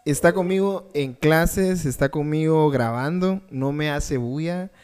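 A man's voice: fairly high pitch, unhurried, a little mellow, clean tone. A young man, talking in an easygoing, conversational way. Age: young adult. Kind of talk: casual chat.

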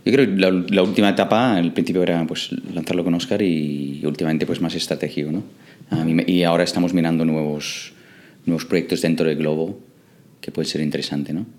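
A man's voice: sits low, steady tone, fairly quick, a little mellow. A man from England, a startup co-founder, answering interview questions in a hesitant way with many fillers and restarts.

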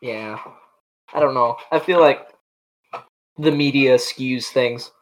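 A young man from Wisconsin chatting casually with friends and trading quick, joking quips. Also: medium pitch. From Wisconsin, USA. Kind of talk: casual chat among friends.

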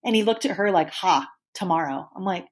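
A woman's voice: mid-range voice, racing. A woman co-hosting a podcast, chatting casually and acting out quotes with animation. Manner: animated, acts out quotes from the show. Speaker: podcast co-host. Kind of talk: casual chat about a reality show.

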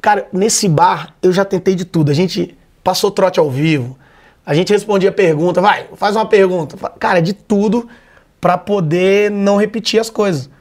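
A man's voice: high voice, normal speed, a little mellow. A man from Vitória, Brazil, a stand-up comedian chatting casually as a podcast guest, laid-back and full of slang and swearing.

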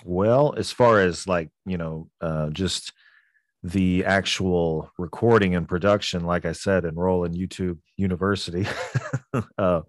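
Man, very low pitch, dry sound, casual interview guest, rambling, many fillers. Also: fairly even intonation, a little slow, no echo. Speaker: podcast guest.

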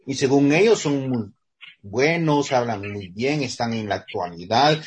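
A man's voice: medium pitch, lively intonation, unhurried, a little hiss or hum. A man in casual discussion who jokes and acts out quotes.

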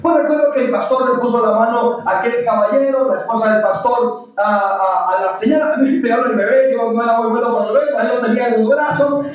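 High-voiced man preaching in an echoey church. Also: fast talker. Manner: fervent, rising to near shouting. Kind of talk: sermon with a testimony. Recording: echoey church hall from far off, dull sound.

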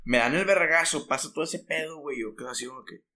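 A man's voice: fairly high pitch, fast, sharp tone. A man with a northern Mexican accent from Monterrey, co-hosting a podcast and telling a story in casual chat, with heavy crude slang and frequent restarts. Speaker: podcast co-host.

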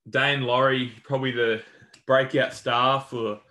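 A man's voice: medium pitch, little pitch movement, unhurried, sharp tone. An Australian man co-hosting a podcast, giving a casual, colloquial rundown of sports news in a matey way. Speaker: podcast co-host.

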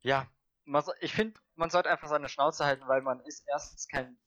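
A man's voice: on the high side, steady tone, moderate pace, a bit bright, no echo, highs cut off. A man in a casual chat with a friend, reacting with short comments and casual slang.

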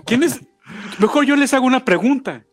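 A man's voice: extremely high pitch, animated, brisk, music in the background. A man with a Mexican accent bantering on a livestream, playful and mock-pompous, peppered with swearing.

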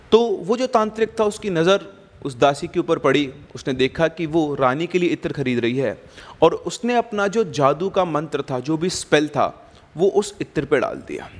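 A man's voice: fairly high pitch, big-room sound. Chatty man narrating a tour. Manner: conversational, chatty asides, mixes English words. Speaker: travel vlogger and storyteller. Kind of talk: casual on-location tour narration. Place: at a ruined hilltop fort.

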